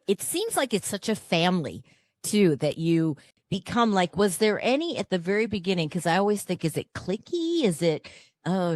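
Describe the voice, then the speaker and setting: A woman's voice: fairly low pitch, no echo. A middle-aged woman hosting an interview, chatty, enthusiastic and informal. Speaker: host. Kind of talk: casual chat interview.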